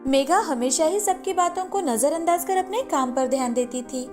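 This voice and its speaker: A woman giving a steady, expressive scripted narration of a cartoon story. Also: high-pitched, moderate pace, music in the background.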